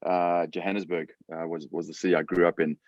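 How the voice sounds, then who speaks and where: A man's voice: sits low, flat delivery, a little fast, no echo. A man from Africa, a guest chatting casually in an interview from his garage, hesitant with many fillers and repeated words. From South Africa. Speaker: guest entrepreneur. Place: home garage. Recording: dull lo-fi sound.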